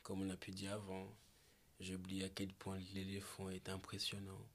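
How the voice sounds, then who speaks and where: Low-voiced reflective man from Malawi. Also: monotone. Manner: slow and searching, with restarts. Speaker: podcast guest. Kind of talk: reflective conversation.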